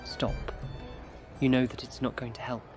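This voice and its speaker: Man as outspoken young male student, earnest, protective, medium pitch, audio drama, music behind. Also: little pitch movement, moderate pace, close to an everyday voice. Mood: serious.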